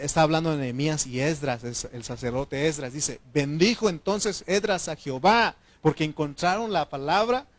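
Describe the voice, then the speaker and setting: Man, Mexican Spanish accent, pastor preaching a sermon, fairly high voice, animated, shouts at times, calls for amens. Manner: addresses the congregation as brothers, asks yes or no.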